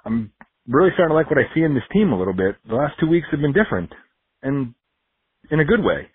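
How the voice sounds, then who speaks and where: A man leaving a voicemail with his take on his football team's defense, calm and analytical. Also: a little high, fast, husky, no echo. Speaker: caller. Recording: tinny phone voicemail.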